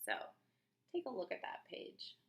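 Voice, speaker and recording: In an echoey, spacious-sounding room, a woman reads a children's book aloud like a teacher. Her delivery is expressive and emphatic, broken by pauses where she explains points and poses questions to the young listeners.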